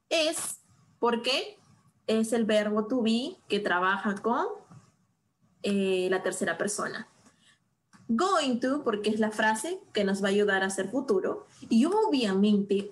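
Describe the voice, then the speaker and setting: A woman's voice: mid-range voice, poor audio. A woman teaching a live online English lesson. She draws out example sentences, asks her students questions and uses playful exclamations.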